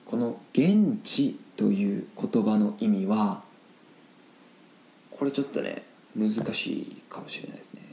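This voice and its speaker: A man teaching Japanese vocabulary in a casual lesson, explaining slowly in simple Japanese with English glosses mixed in. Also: lowish voice, gravelly, darkish tone, echoey room, rough recording.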